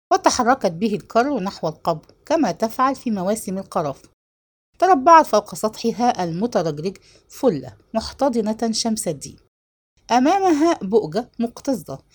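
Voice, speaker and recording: A woman reads a novel aloud as an audiobook narrator. Her delivery is expressive, with a lively, wide-ranging pitch over a middle register. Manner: expressive storytelling.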